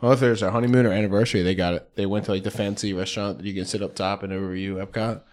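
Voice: low-pitched, steady tone, racing, darkish tone. A host asking guests teasing questions in casual chat.

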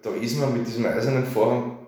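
A man's voice: medium pitch, fairly even intonation, quick pace, dark tone. A man, a festival organizer chatting in an interview, often seeking agreement with little tag questions. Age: 30s. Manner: chatty, filler-heavy, asks for agreement. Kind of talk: casual radio interview. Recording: very echoey room.

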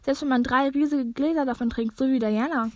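A tearful young orphan girl with a flair for drama, as a woman reads her aloud, lamenting plaintively in a storybook reading. The voice sits fairly high and sounds close and dry, with no room around it. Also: fairly even intonation, a little fast, darkish tone, no echo, lightly acted.

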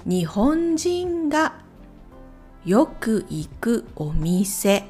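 Woman talking real slow n clear, bouncy pitch, soft music in the back. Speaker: YouTube channel recommender. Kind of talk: slow, clear talk for Japanese learners.

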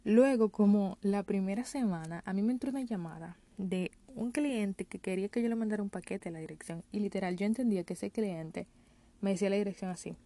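Woman vlogging, casual storytime, warm mellow voice, throws in english words. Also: medium pitch, fairly quick. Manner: chatty, mixes in English call-center words.

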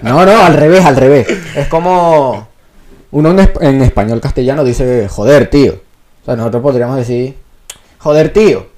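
Chatty Venezuelan man, mid pitch. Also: a little fast, noisy background. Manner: animated, hesitant restarts, asks the others questions. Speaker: podcast co-host. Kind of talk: casual chat.

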